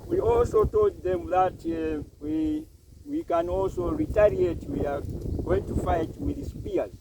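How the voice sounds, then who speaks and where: A man interpreting an interview outdoors, translating in halting phrases. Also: high voice, animated. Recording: windy outdoor recording, distant mic, boat noise.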